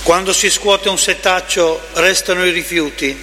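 A man's voice: high voice, steady tone, normal speed, sharp tone. A man reading scripture formally as a lector at Mass in a large reverberant church. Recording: reverberant church hall, faint noise.

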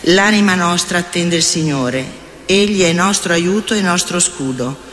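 Male lector, higher register, solemn even liturgical reading; long church reverb. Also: normal speed, background noise. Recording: echoey church hall with faint ambience.

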